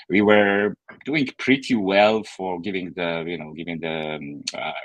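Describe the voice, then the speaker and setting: A man's voice: sits low, a bit bright, dry recording, poor audio. A man, telling his story as a guest on an online call, hesitant with many fillers and restarts. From Poland. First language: Polish. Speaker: guest author. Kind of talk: casual interview storytelling.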